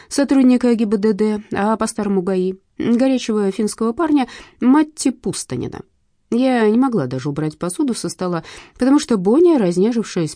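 Woman narrating with a warm, lively voice. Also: medium pitch, dry recording, clean studio sound. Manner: lively, wry storytelling. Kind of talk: audiobook narration.

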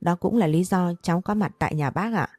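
A woman's voice: fairly low pitch, brisk, darkish tone, no echo, natural voice. Woman reading a polite earnest young man. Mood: explaining. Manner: polite, deferential pleading.

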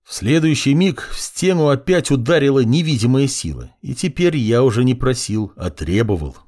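A man narrating a first-person fantasy audiobook in an ironic, expressive way. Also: mid-range voice, normal speed.

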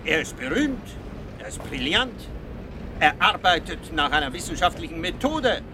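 A man acting in a German radio drama as Doctor Freud's type of figure, an urbane, self-assured Viennese psychoanalyst who lectures with condescending, deliberate phrasing. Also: fairly high pitch, sing-song, noisy background. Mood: amused, assured.

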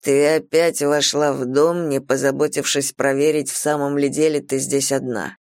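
A haughty male god from a fantasy audiobook, as a woman reads him, lowering the voice into slow, deliberate, scornful lines. The delivery is close and dry, with no room around it. He teases rather than shouts. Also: little pitch movement, no echo. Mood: stern. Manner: slow, low, mocking. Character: stern, teasing, arrogant male god. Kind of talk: audiobook character voice.

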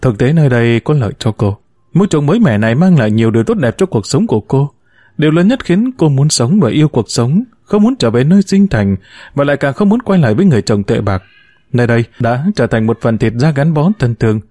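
A man reading a literary story aloud in measured, scripted narration. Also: mid-range voice, lively intonation, dark tone, dry recording, clean studio sound.

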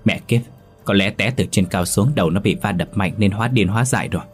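A man's voice: on the low side, fast talker, breathy edge, faint music behind. A man voicing a coarse, scheming young husband in a narrated ghost story. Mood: blunt. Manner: coarse, sneering.

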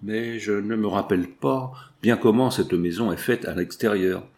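Sacha, read by a man, a gravelly earnest boy. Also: fairly low pitch, moderate pace, darkish tone, close to an everyday voice. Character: young boy, earnest and outspoken.

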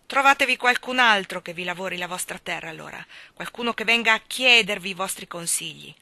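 A woman reading aloud, voicing an angry, hot-tempered older male miller who shouts in furious outbursts. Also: very high voice, moderate pace, no room sound, pitched above the performer's own voice, exaggerated voice.

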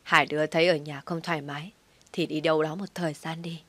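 A woman voicing a gentle, quiet, tired old father, speaking softly and half in a whisper. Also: a little high, flat delivery, a little fast. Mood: weary tender.

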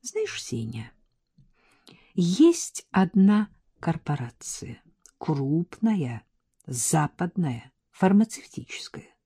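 A woman's voice: lowish voice, very animated, very slow, mellow, slightly rough, no echo, studio quality, heavily acted. Milka, a coquettish young woman, read by a woman. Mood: urgent. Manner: coquettish, teasing, talkative.

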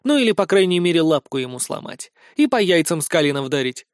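A man's voice: a little high, very animated, brisk, no room sound, studio quality. A man reading a first-person fantasy story in a wry, slangy, conversational manner. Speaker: audiobook narrator.

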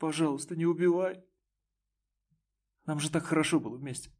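A man's voice: medium pitch, fairly even intonation, moderate pace, breathy edge. A man voicing a young woman who pleads and sobs, then turns scornful, in an audiobook. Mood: pleading, tearful. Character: desperate, bitter young woman, ex-lover.

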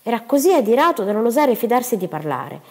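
A woman reading a novel aloud as audiobook narration, in an expressive, lively style. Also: on the high side, fast talker. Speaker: audiobook reader. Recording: long reverberant room.

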